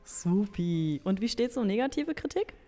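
With a warm, sing-song, medium-pitched voice at a moderate pace, a woman presents a book podcast aimed at young listeners in a chatty style. Long reverb and background music fill the recording.

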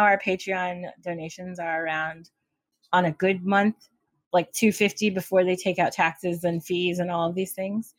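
A woman with a slightly low voice hosts a homemade podcast. She talks informally and jokily. The sound is a little echoey and off, as if from another room. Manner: informal, jokey, laughs readily. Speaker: podcast host. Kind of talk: casual chatty podcast introduction. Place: different room at a DIY home setup. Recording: slightly echoey makeshift room, air conditioner on.

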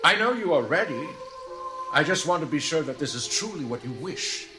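Weary, stern fantasy king, read by a male narrator; grave, commanding, lively pitch, music under. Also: moderate pace, low-quality recording.

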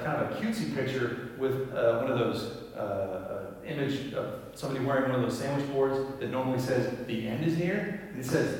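A man preaching a sermon as pastor, gentle and reflective, often dropping to a soft, quiet voice. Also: mid-range voice. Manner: gentle, reflective, drops to quiet near-whispers. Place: large church sanctuary. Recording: echoey hall, voice from far off.

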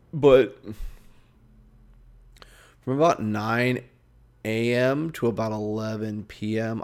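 Tired young man, solo podcast, rambling, frank, swears a lot, fairly low voice. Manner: rambling, frank, swears, many fillers and restarts. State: tired, yawning. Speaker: podcast host. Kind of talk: casual solo podcast monologue.

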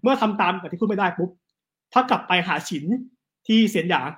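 In a relaxed conversation, a man with a high-sitting voice recounts tales from history as a guest storyteller, speaking quickly and animatedly with frequent brief asides.

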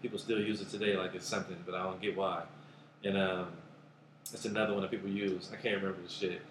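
A man with a Bay Area accent, a rapper talking casually in an interview, laid-back and rambling, often trailing off quietly. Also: deep voice, little pitch movement, fast talker, reverberant, a little hiss or hum. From Oakland, California. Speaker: guest rapper.

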